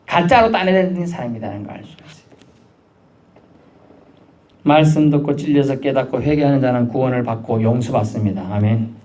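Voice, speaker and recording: A man's voice: mid-range voice, moderate pace, pauses often, darkish tone. A man preaching a midweek sermon, in a casual, conversational way, acting out the voices he quotes. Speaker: pastor.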